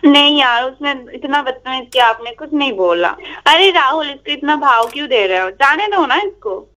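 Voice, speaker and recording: A woman's voice: high-pitched, expressive, moderate pace, sharp tone. A young woman, complaining and sulking in casual voice chat during a game. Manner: sulky and complaining. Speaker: gaming friend.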